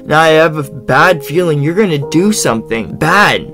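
A man hosting reaction commentary, mocking and sarcastically answering a clip he pauses. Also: a little high, lively intonation, over music. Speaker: commentary host.

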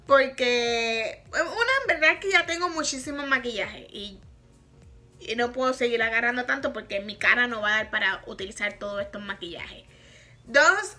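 A Puerto Rican woman vlogs from her small indoor bedroom, doing a casual makeup product review in a chatty, frank way and laughing often. She has a Puerto Rican Spanish accent and a bright, highish voice, with faint music behind her.

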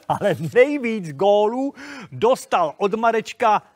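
A man's voice: high voice, lively intonation. A man hosting a children's TV show, talking playfully with childlike enthusiasm. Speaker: children's TV host. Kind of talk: children's TV presenting.

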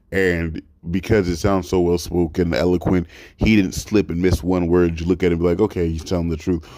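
Sitting in a small dark room, this young reaction host rambles into his desk mic with an animated, emphatic energy and plenty of swearing. His voice is deep and very low, and the close, dry recording has no echo.

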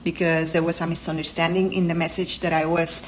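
A Spanish-speaking woman in her thirties, a doctor who vlogs, talks to the camera from her living room at home, explaining health topics earnestly in Spanish-accented English and listing terms one by one. Her voice is on the low side, with a flat, brisk delivery and a little hiss or hum in the recording.

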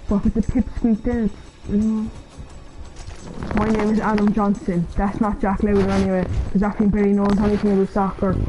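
A woman's voice: medium pitch, brisk. Irish woman, teasing gamer chatter, roomy sound with game music under. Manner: excitable, sweary, teasing. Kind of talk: let's play commentary.

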